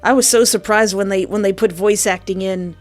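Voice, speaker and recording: Brisk and steady in tone, at medium pitch, a female game developer hosts a livestream and chats casually with her viewers. She gushes informally, reacting aloud to chat messages, with soft music in the background.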